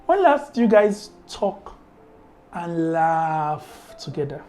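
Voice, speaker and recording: Marriage podcast host, mid-pitched, preachy and emphatic, heavy on repetition and rhetorical questions. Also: big pitch swings, slow pace, darkish tone, faint music behind. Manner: emphatic, repeats key words. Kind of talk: faith-based marriage advice talk.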